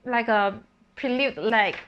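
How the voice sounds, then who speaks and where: A woman's voice: on the high side, slow pace, highs cut off, a little hiss or hum. A woman, a singer-composer, casually explaining how she wrote her piece, thinking aloud and breaking into sung solfège syllables. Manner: thinking aloud with fillers and self-corrections.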